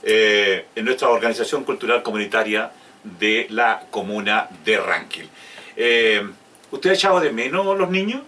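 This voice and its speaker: Older man, halting host. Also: on the low side, expressive, bright, forceful tone. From Chile. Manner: halting, many fillers, addresses viewers directly. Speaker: host of community interview. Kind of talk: informal interview. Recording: distant mic with faint ambient noise.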